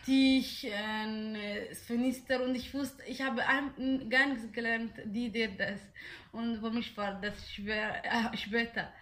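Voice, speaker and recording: Young woman, kinda high voice, lots of ums and restarts, answering questions. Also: little pitch movement, slow pace, a bit bright. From Somalia. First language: Somali. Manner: hesitant, many fillers and restarts. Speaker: interviewee. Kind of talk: casual interview answers.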